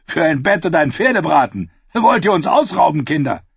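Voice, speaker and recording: A wry, mocking knight, played by a male narrator, tossing off sardonic quips in a lively, somewhat raised voice. The grain is husky. It is an audiobook character with a dull, dry sound. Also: fairly high pitch, normal speed, no echo, voice pushed up, exaggerated voice.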